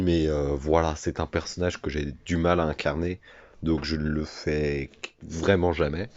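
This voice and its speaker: A teenage man speaks to his audience in a casual, hesitant way with many filler sounds. His voice is low for a man his age. The recording is dry and slightly lo-fi. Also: darkish tone, no echo. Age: teens. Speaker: gamer and video creator. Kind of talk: casual talk to viewers.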